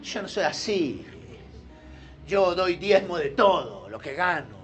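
A man voicing a boastful, self-righteous male Pharisee with an Argentine accent, boasting slowly and drawn-out. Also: high-pitched, very animated, a bit bright, soft background music, pitched below the performer's own voice, full character voice. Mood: smug. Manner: smug, slow, drawn-out boasting.

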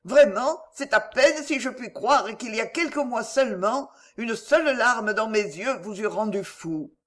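A proud young noblewoman in an audiobook, tearful and pleading, her voice rising high and swinging widely as she begs for help. A woman reads her part in a lively, expressive voice. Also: measured pace. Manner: tearful, emotional, pleading delivery. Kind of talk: audiobook character reading.

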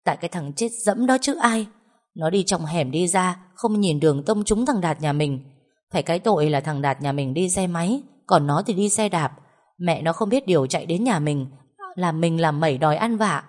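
A woman voicing a doting, quick-tempered older village mother who cries, pleads and scolds. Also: on the low side, expressive. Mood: scolding.

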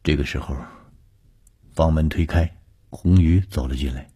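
A man narrating a scripted ghost story with a measured, suspenseful delivery. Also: a bass voice, warm tone, slightly rough.

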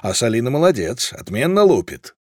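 A man voicing a gruff male sailor in an audiobook, wry and mocking. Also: mid-range voice, very animated, a little fast, no room sound, studio quality, pitched below the performer's own voice. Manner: wry, drumming fingers.

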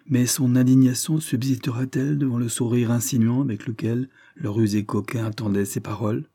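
Male narrator, measured, dark mellow tone, dry booth. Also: medium pitch, steady tone, no room sound. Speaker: audiobook narrator. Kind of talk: scripted narration.

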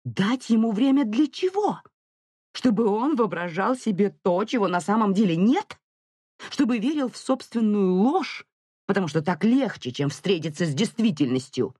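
An audiobook narrator voicing a furious, grieving young mother who shouts and accuses, near hysteria. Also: medium pitch, lively intonation, measured pace, breathy edge, dry recording, studio quality. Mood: hysterical. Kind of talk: audiobook character reading.

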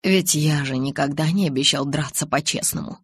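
Woman doing a quiet young vampire guy, gentle and soothing, husky low voice, dry sound. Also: normal speed, no echo. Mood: calm. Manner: soft, low and restrained.

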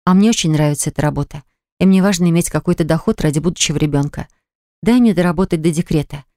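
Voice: medium pitch, fast, mellow, no echo, clean studio sound, natural voice. A reader voicing a hurt, indignant young pregnant woman who reproaches her fiancé in an audiobook. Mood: pleading.

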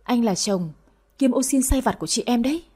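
A woman voices a cheerful young husband who jokes and teases in an audio story. He stays polite and easygoing. The voice is mellow and husky. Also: on the high side, brisk. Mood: playful. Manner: playful, polite.

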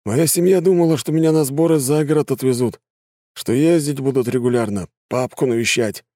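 A talkative, grumbling conscript, as a male audiobook reader puts him on, speaking in a lifted, brighter-than-usual voice with blunt everyday banter. Dry, close recording. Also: mid-range voice, a little fast, dry recording, voice pushed up, natural voice. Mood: chatty. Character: chatty adult male conscript, down-to-earth and grumbling.

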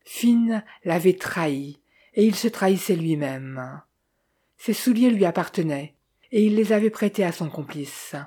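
A woman reads a detective novel aloud in the first person, keeping a measured, even storytelling pace. Her voice is low and mellow, with a husky grain. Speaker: audiobook reader.

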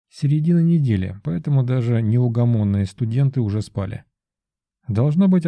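A man narrating a fantasy audiobook in a measured, steady storytelling manner. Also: mid-range voice, no room sound.

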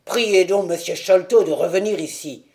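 A man's voice: high-pitched, normal speed, darkish tone, close to an everyday voice. A man reading the part of a stout, self-assured police detective who speaks in an important, sour tone. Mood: triumphant.

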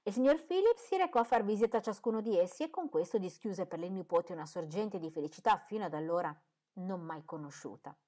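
A woman reading a classic novel aloud as an audiobook narrator, with expressive, lilting storytelling. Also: mid-range voice, fairly quick. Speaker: reader.

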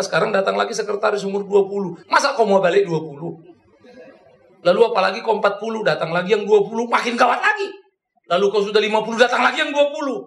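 A man preaching a sermon, animated, swinging between soft and loud, joking and acting out his own old quarrels. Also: high voice, creaky, echoey room. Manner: jokes and acts out his own past quarrels.

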